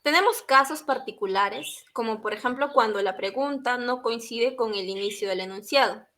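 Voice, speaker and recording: A woman's voice: a little high, normal speed, a bit bright. A young woman from Peru, a university student giving a class presentation in an explanatory way, often adding a short tag question.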